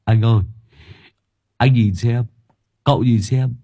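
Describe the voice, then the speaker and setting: A man voicing a brash young man who teases loudly and coarsely. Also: medium pitch, slow pace, voice pushed up, natural voice. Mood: mocking. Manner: loud, teasing, coarse. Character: brash young man, loud-mouthed joker.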